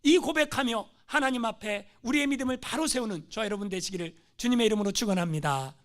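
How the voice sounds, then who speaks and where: A male pastor preaching a sermon, moving between hushed storytelling and fervent, rising exhortation. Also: sits high, fast. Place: church sanctuary.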